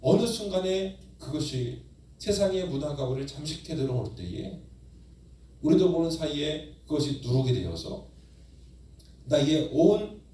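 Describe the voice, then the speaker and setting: A man pastor preaching a Sunday sermon in a church, with rising emphasis and slow, drawn-out lines. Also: a little high, dark tone. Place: church sanctuary. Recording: very echoey church hall, distant mic.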